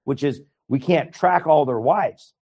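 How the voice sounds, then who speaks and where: A man's voice: on the high side, measured pace, darkish tone, husky. A man from Iran whose first language is Farsi, a guest speaking earnestly in a conversational interview and often repeating words as he starts a thought.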